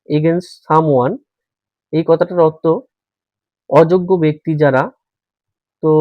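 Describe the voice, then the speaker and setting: A man's voice: fairly high pitch, no echo. A man from giving a patient, step-by-step tutorial, talking viewers through an online form as a friendly host. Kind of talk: screen-recorded how-to walkthrough. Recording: dry, slightly dull voice-over.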